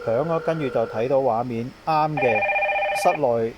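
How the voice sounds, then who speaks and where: A man with a Hong Kong Cantonese accent, working as an intercom installer, casually demonstrates and hands over a device setup, going back over his points repeatedly. He speaks at a normal pace with a medium pitch, though the recording is muffled and carries clear on-site ambient noise.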